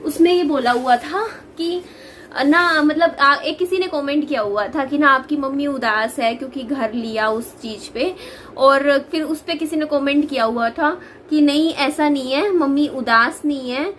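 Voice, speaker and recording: In a laid-back family vlog, a young woman with a bright, high voice chats with her viewers at an unhurried pace. Her sentences come out loose and hesitant, and she laughs often between them. A faint hiss runs beneath her voice.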